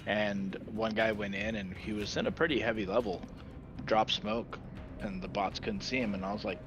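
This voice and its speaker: A man's voice: on the low side, steady tone, normal speed, music in the background. Joking man chatting while gaming. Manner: joking, laughs often, swears. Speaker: streamer. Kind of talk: casual gaming chat.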